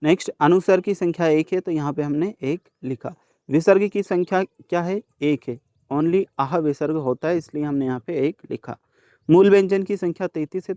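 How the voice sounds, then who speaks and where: A man teaching students, his voice a touch high. He sounds out the letters one by one at a slow, deliberate pace and talks straight to the class. The recording is close and dry, with no room sound. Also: darkish tone, dry recording. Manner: addresses students directly. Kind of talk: worksheet solution lesson.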